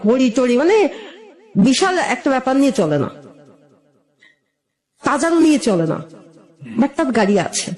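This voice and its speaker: A woman with a Bangladeshi accent, speaking high and darkish with big pitch swings, tells her own life story as an interview guest. She talks unhurriedly and conversationally, with long pauses, sounding wistful and admiring.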